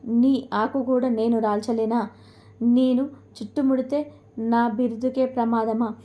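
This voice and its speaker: A woman's voice: fairly high pitch, steady tone, unhurried, dull audio, natural voice. A woman voicing a mighty, angry male wind god in a spoken storybook, in a threatening tone. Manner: threatening, indignant.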